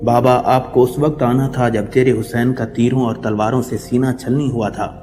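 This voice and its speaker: A man's voice: medium pitch, flat delivery, background noise, close to an everyday voice. A man voicing a grieving noblewoman who guards her slain brother and pleads in sorrow, in a reverberant recording with music behind. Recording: long reverb with background music.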